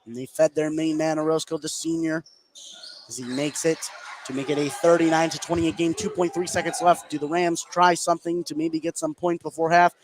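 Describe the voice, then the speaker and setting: Here a play-by-play announcer, an American man, narrates a basketball game live in a fairly quick, fairly even voice pitched on the high side. Behind the commentary, the noisy gym is heard clearly.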